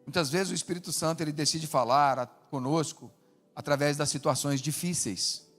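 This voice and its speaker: Male pastor, lively preaching delivery, high voice, big reverberant hall. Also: normal speed. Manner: animated preaching with acted quotes, rising and dropping to a hush. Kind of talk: sermon. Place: large church hall. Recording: long hall reverb with faint music.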